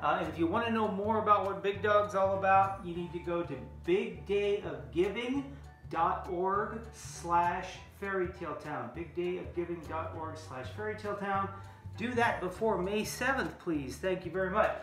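A middle-aged American man teaches kids to draw in a casual, playful way, chatting while he sketches and stretching out some words. His voice is high-pitched and fairly bright, at a normal speed. The room is very echoey, with faint music.

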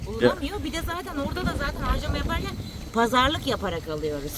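A woman's voice: high voice, big pitch swings, fast, over a noisy crowd. A woman vlogging with her family, chatty and teasing, who coos at her pet dog. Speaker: vlogger mother living abroad. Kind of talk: casual family vlog chat.

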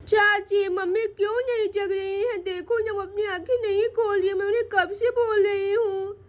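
A woman's voice: extremely high pitch, steady tone, moderate pace. Woman voicing a sobbing little girl doll. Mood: tearful pleading. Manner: sobbing, begging. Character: grieving little girl doll, tearful and pleading.

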